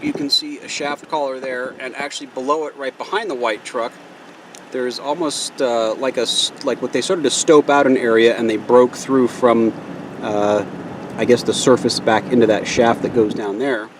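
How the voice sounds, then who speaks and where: A man giving casual, halting commentary as host of an outdoor exploring video, recorded outside in the wind. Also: medium pitch, steady tone. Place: outdoors at an abandoned mine in open desert. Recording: loud wind noise outdoors.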